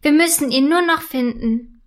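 A woman's voice: high voice, normal speed, natural voice. A woman voicing a playful, giggly little girl in a children's storybook reading.

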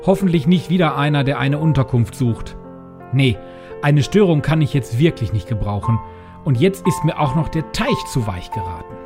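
A man voicing a grumpy old woman who is busy baking cookies. She is snappish and dismissive, with slow, emphatic lines, and music plays behind the voice. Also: mid-range voice, animated, close to an everyday voice. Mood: irritated.

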